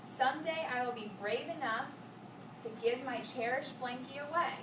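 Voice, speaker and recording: A young adult woman working as a student teacher reads aloud and talks simply with young children in a school classroom. Her voice sits high at a moderate pace, and the recording is roomy, distant, and noisy with background classroom sound.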